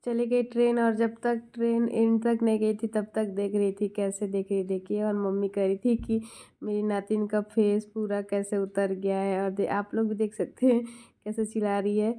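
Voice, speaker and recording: A woman's voice: mid-range voice, little pitch movement, moderate pace, mellow. A young woman narrating a voice-over for her family vlog, chatty and explaining to viewers. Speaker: vlogger narrating her video.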